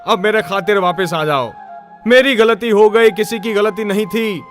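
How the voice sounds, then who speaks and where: A man voicing a remorseful middle-aged queen mother who pleads loudly for forgiveness, within a religious discourse. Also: sits high, expressive, moderate pace, soft background music. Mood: pleading. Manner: pleading, raised and loud.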